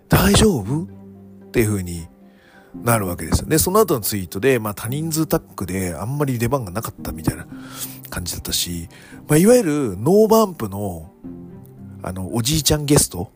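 A man hosting a solo podcast, talking in a casual, dramatic way that swings from loud alarm to hushed whispers. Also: lowish voice. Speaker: podcast host reviewing wrestling shows. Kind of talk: casual monologue.

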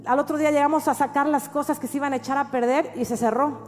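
A middle-aged woman pastor with a Mexican accent, telling a testimony in a sermon with animated storytelling that rises at times to shouts. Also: sits high, fast talker. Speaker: pastor and prophet. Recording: reverberant hall with faint music.

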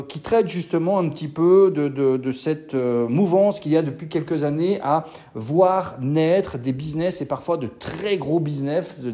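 A man hosts his business podcast solo, in a relaxed, casual way. He often stops to restart his sentences and fills the gaps with hesitations. His voice sits a little high yet sounds warm and mellow. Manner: casual, many fillers and restarts. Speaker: podcast host.

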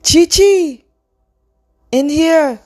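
A woman reading aloud and voicing a bossy, lively teenage girl with an urgent, calling manner. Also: on the high side, normal speed, dry recording, clean studio sound, voice pushed up.

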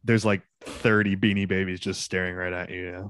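A man's voice: sits low, flat delivery, a little fast, fairly bright tone, clear, resonant tone. A young man co-hosting a podcast, chatting in an informal, rambling way. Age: young adult. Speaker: podcast co-host. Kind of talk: casual podcast chat.

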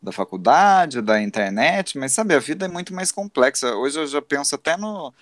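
His voice sits on the high side with lively intonation and a normal speed. He's a man in his thirties with a Brazilian Portuguese accent, musing self-critically in a casual podcast chat he co-hosts and often beginning sentences again. The sound is dry and studio-grade.

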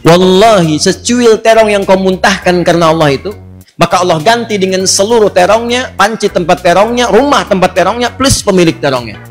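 A man voicing a young, pious bride, speaking in a raised, earnest and measured voice. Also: sits high, lively intonation, faint music behind, pitched above the performer's own voice.

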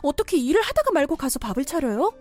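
A woman voices a young daughter-in-law in a cartoon story drama, courteous yet firmly standing her ground. Her high voice swings widely in pitch, with soft music underneath. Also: very animated, fast talker. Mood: defiant. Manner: polite at first, then pushes back firmly.

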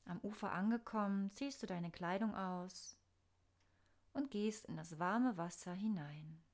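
Slow, soft-spoken woman guiding meditation. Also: medium pitch. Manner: soft, soothing, unhurried delivery with pauses. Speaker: meditation guide. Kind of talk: guided meditation, scripted narration.

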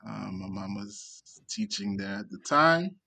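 A man in his thirties, born in Lesotho and raised in Canada, talking slowly as a guest with many hesitant ums. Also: a little high, sing-song, gravelly, bright, forceful tone, breathy edge. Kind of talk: casual chat.

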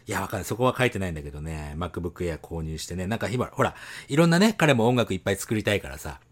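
A man co-hosting a casual podcast chat, animated and teasing, laughing often. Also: low voice, fast. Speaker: podcast co-host.

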